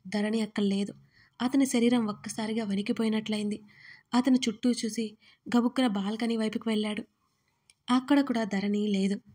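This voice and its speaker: A woman with a fairly high voice reads a dramatic story aloud. Her delivery is expressive and measured, as a storytelling host. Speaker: story narrator.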